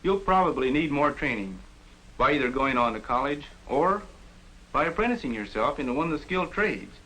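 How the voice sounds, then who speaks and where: An actor playing an earnest shop teacher in a formal, measured 1950s educational film narrator manner. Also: male voice, mid-range voice, very animated, pushed and bright, rough recording. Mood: reassuring, firm. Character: earnest adult male shop teacher advising a student.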